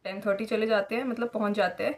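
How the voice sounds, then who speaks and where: A woman's voice: mid-range voice, fairly even intonation, quick pace. Young woman vlogger from India, chatty and casual, tells stories with lots of fillers and mixes in English. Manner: chatty storytelling with many fillers; mixes English phrases into her talk. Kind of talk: casual vlog chat.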